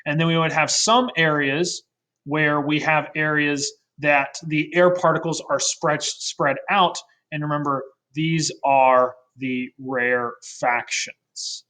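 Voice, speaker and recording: A man's voice: a little high, bright, forceful tone. A man teaching a recorded science lesson in a casual way, often adding "right?" and correcting himself mid-sentence. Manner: fillers and self-corrections.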